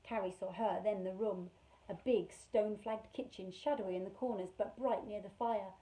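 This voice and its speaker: A woman reading a children's novel aloud in a measured, expressive way. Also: mid-range voice, poor audio. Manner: measured, expressive, slows on key words. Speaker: storyteller for children.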